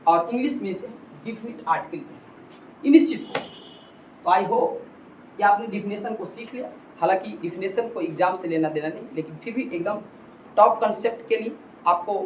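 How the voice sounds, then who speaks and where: A man teaching a grammar lesson, emphatic and repetitive, constantly addressing his students as kids. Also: high voice. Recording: echoey room with faint ambient noise.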